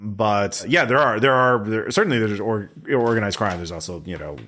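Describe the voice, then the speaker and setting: A man narrating a tabletop role-playing game as game master, in a conversational, halting way that often repeats phrases. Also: on the low side, a bit bright.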